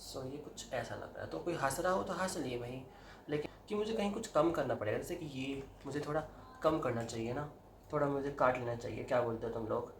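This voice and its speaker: In a mid-range voice and at a fairly quick clip, a young man vlogs while giving himself a haircut at home, chatting to camera in a Hindi-English mix. Dramatic yelps and laughs punctuate his talk. The roomy home room sounds echoey, with a slight hiss or hum.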